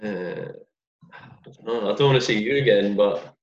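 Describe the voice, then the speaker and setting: A man's voice: fairly low pitch, moderate pace. A man from Scotland who is a cricketer guest, chatting in a laid-back way with short replies on a podcast. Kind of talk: casual podcast chat. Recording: dull, muffled sound.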